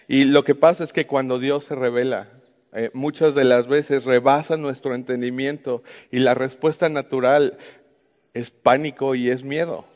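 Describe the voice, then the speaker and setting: Mexican man teaching the Bible, echoing hall. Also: medium pitch. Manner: talks to the listener with frequent questions. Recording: muffled with long hall reverb.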